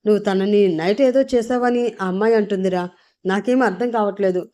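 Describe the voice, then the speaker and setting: Teja, worried young guy firing off questions, higher and louder, mellow tone, woman narrator doing him. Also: steady tone, brisk, natural voice. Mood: alarmed. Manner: anxious, urgent questioning. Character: young man, caring, anxious friend.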